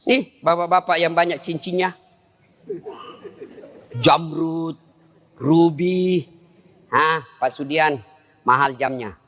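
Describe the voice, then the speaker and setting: A man delivers a humorous sermon with a bright, cutting tone, leaping between high and low voices. He throws rhetorical questions at his listeners. His voice rings through the long reverb of a large hall. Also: fairly even intonation, takes it slowly, pauses often. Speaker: Islamic preacher.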